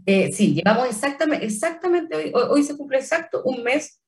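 A woman's voice: high-pitched, animated, brisk, far from the mic. A woman with a Chilean accent, a trademark office official answering interview questions carefully, with many fillers and restarts. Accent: Chilean Spanish.

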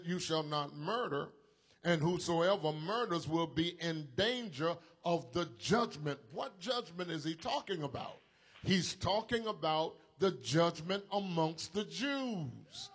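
A male preacher, delivering a sermon in a high voice. He moves at an unhurried, drawn-out pace and leans hard on key phrases. He calls on the congregation to answer back. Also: a bit bright. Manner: slow, emphatic preaching with call-and-response to the congregation.

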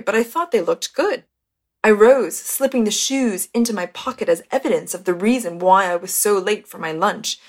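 A woman narrating a first-person memoir as an audiobook in a measured, steady storytelling manner. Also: medium pitch. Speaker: audiobook reader.

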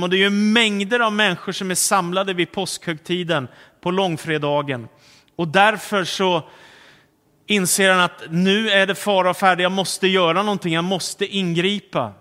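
Male preacher with a bright, fairly high voice; storytelling sermon, hushed on solemn moments, long hall reverb. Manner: storytelling, slows and softens on solemn words. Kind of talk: sermon retelling the Passion.

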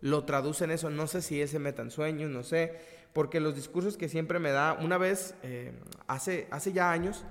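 A man's voice: on the high side, a bit bright. Mexican man telling stories in a roomy echo. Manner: slangy, storytelling, halting restarts. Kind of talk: casual podcast chat. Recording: roomy long reverb.

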